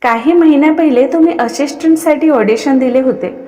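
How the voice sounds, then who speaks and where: A woman's voice: high voice, fairly quick, dark tone, lightly acted. A woman voicing a polite young woman studio assistant speaking formally. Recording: long reverb.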